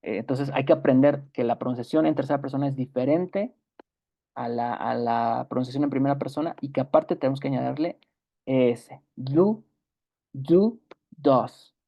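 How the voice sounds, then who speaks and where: A man with a gravelly, mid-range voice teaches English in an online grammar lesson, his first language being Spanish. He explains patiently and repeats example words slowly, with plenty of fillers and self-corrections. The recording sounds muffled.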